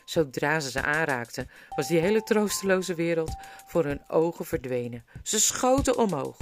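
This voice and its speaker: A woman narrating an audiobook in an expressive storytelling way. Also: sits low, normal speed. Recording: music playing underneath.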